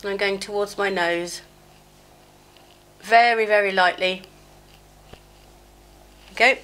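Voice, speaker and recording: Speaking slowly with a steady, medium-pitched, fairly bright voice, a middle-aged beauty vlogger does her makeup at home despite a cold that leaves her slightly chesty. Her get-ready-with-me chat rambles, chatty, scattered, and self-mocking, with plenty of fillers. She uses a small mic clipped near her, sometimes covered.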